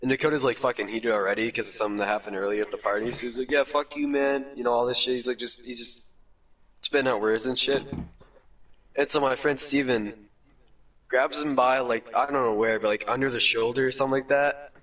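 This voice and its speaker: A man's voice: mid-range voice, fairly even intonation, fast talker, fairly bright tone. A teenage boy telling a story in casual chat, rambling and profane, full of "like" fillers. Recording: distant from the mic.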